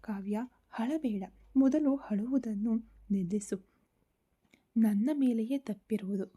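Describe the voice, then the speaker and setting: A woman voicing a young husband calmly comforting his wife on the phone, in a low breathy voice. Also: unhurried. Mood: reassuring. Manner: soft, calming. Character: young husband, gentle, reassuring.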